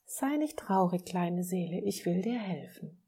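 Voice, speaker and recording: A woman's voice: lowish voice, expressive, unhurried, dark tone, breathy edge, heavily acted. A woman voicing a kind, devoted soul. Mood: tender. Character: kind, devoted soul who offers help.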